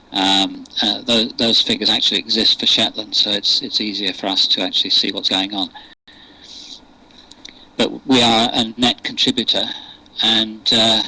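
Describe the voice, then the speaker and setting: A man's voice: on the low side, sharp tone, slightly rough, low-quality recording. Older man with a posh English accent. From England. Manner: hesitant, many fillers and restarts. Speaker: interview guest. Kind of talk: unscripted radio interview.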